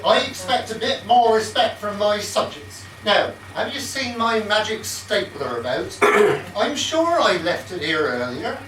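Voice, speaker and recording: A man's voice: high-pitched, sing-song, unhurried. Distant, echoey stage recording of a man playing a pompous, muddled pantomime king. He fusses and repeats himself hesitantly over background noise. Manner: hesitant, repetitive, throat-clearing. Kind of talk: broad amateur pantomime stage acting. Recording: echoey noisy stage from far off.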